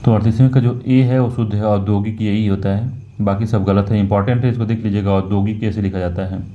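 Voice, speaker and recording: A man working through a Hindi exam paper as a teacher, slow and repetitive, often correcting himself. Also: on the low side, fairly even intonation, phone-quality sound, a little hiss or hum. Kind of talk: talking through a Hindi test question by question.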